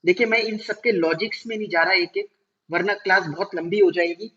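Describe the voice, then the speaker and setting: A male teacher giving a classroom lecture, explaining step by step, slowing down to spell out terms and checking whether students follow. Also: high voice, fairly even intonation, a bit bright. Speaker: commerce teacher. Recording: dull lo-fi recording.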